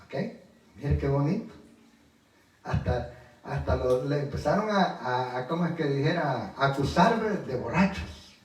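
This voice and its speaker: A man preaching a sermon as pastor, animated and constantly asking his listeners for agreement. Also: medium pitch, unhurried. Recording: very echoey church hall, distant mic.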